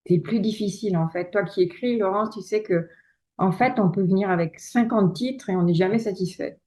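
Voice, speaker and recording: Chatting casually as an interview guest, this female lawyer and author hesitates a lot, restarts often, leans on fillers, and laughs frequently. She talks at a normal speed in a warm, mid-range voice.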